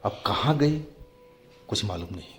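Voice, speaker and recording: Slow, low-voiced man telling a horror story. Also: expressive, a bit bright. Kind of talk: scripted horror narration. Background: faint background music.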